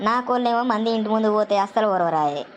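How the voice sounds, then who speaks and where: A woman's voice: medium pitch, expressive, quick pace, a little hiss or hum, close to an everyday voice. A woman playing a foul-mouthed village scold. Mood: ranting. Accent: Telangana Telugu. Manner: loud cursing rant.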